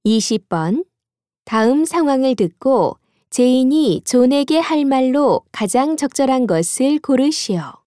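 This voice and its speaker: Female test announcer, rapid-fire and a bit high-pitched. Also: expressive, warm tone, no room sound, studio quality.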